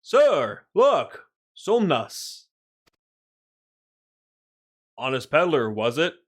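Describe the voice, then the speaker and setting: A man's voice: a little high, huge pitch swings, slow pace, full character voice. A man voicing a stern, threatening male guard captain with clipped commands. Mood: commanding.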